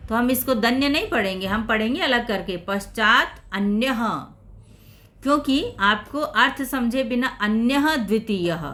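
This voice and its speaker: A woman explains a Sanskrit lesson in Hindi, going over each rule patiently and repeating her examples. Her voice sits a little high and sounds bright and sharp. She takes her time, speaking at a slow, deliberate pace. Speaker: Sanskrit teacher.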